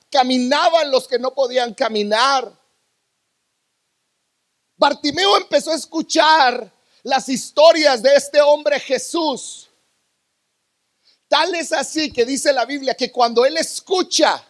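Male preacher, very high voice, dramatic sermon delivery with loud peaks and quiet drops, church congregation. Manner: dramatic, swinging from loud bursts to hushed lows.

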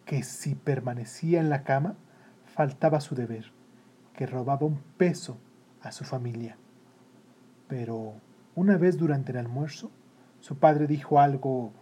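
A storyteller reading a children's story in a calm, steady way. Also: medium pitch, unhurried, long pauses, slightly rough. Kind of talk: scripted narration of a children's story.

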